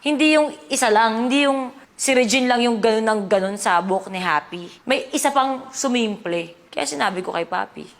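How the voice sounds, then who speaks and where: A woman's voice: fairly high pitch, normal speed, creaky. Earnest woman vlogger, reverberant sound. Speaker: vlogger recounting an incident. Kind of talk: casual storytelling.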